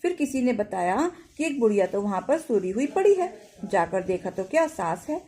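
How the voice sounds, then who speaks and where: A woman's voice: medium pitch, very animated, normal speed, warm tone. A woman narrating a devotional folk tale in a rustic village dialect, giving the characters their own voices. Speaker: storyteller.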